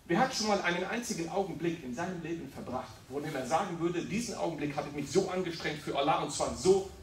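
A man's voice: fairly high pitch, expressive, quick pace, distant mic. Emphatic man preaching in an echoey hall. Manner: emphatic, rhetorical questions, explains Arabic words. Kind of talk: sermon. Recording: echoey room, voice from afar.

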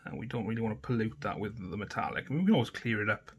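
A man with a Welsh accent hosting a miniature painting tutorial, talking casually with a relaxed, self-deprecating manner. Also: on the low side, very fast, slightly rough. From Wales. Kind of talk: casual instructional talk.

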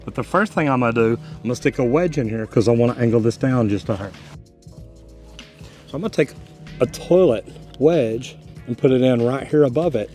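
Outdoors beside a brick house, with music behind him, a plumber in his 50s or 60s hosts a tutorial on a hands-on job. His mid-range voice is animated, brisk, and warm, punctuated by long pauses, and his style is casual and folksy.

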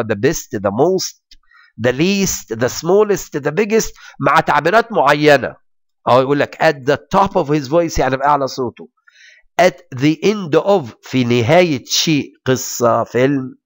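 A man with an Egyptian Arabic accent teaching an English grammar lesson, explaining in quick Arabic and reading English examples out slowly and carefully. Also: a little high, animated, no echo, studio quality.

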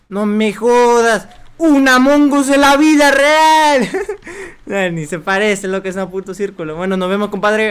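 A young man streaming a video game, commenting excitably, swearing often and yelping when startled. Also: high voice, clear, resonant tone. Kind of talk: let's play commentary.

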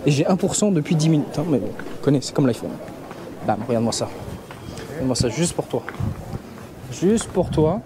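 A man's voice: fairly high pitch, lively intonation, brisk, long pauses. Chatty Parisian man vlogging on the street. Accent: Parisian French. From France. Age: young adult. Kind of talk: casual chatty vlog. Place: busy traditional shopping street outdoors. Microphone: handheld camera at arm's length. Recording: street noise behind.

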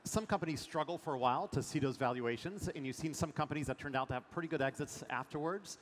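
A man from France in middle age, a venture investor, talks quickly in a voice on the high side. His energetic, filler-heavy fireside chat happens on a large conference stage via headset mic, with long hall reverb and faint ambience.

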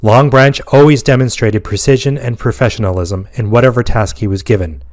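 A man telling a science fiction war story in steady, even scripted narration. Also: mid-range voice, fairly quick.

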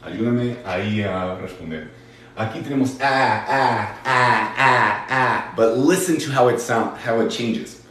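A man teaching English in a livestream, switching between Spanish and English and stretching out words slowly to model sounds. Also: medium pitch, fairly bright tone, echoey room, slight background noise. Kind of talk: bilingual livestream English lesson.

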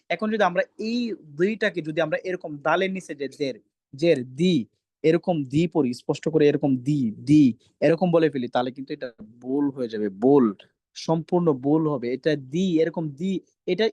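A man's voice: a little high, darkish tone, no echo. A man teaching Quran recitation, drilling letter sounds over and over and sternly scolding students who talk over him. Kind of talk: online class teaching pronunciation.

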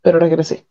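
This caller's voice sits fairly low and sounds darkish, and the phone line cuts off the highs. She gives candid testimony about her experiences in a plain, matter-of-fact way, with a few nervous laughs.

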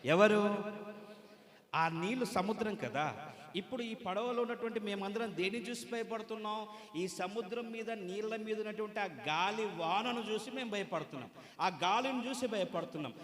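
Loud preaching man in an echoey hall. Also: normal speed. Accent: Telugu. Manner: call-and-response preaching, urging the crowd to answer and clap; swings from soft storytelling to loud high exclamations. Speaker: pastor. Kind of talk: sermon. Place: large hall at a church gathering.

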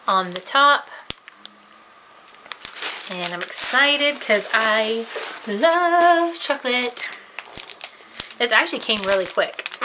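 A woman's voice: medium pitch, sharp tone, a little hiss or hum, poor audio. A woman vlogger chatting casually while tasting candy on camera, giggly and self-deprecating.

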